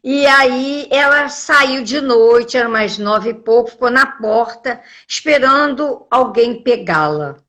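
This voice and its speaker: Older woman, high bright voice, animated anecdotal guest. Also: takes it slowly, few pauses. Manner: lively storyteller, acts out quoted voices. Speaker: voice actress guest. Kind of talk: anecdotal interview chat.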